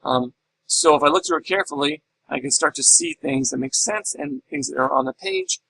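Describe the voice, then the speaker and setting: A man's voice: very high voice, huge pitch swings, a little fast, gravelly, bright, forceful tone, low-quality recording. A middle-aged man teaching a class in a recorded lecture, explaining step by step and asking and answering his own questions. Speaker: instructor.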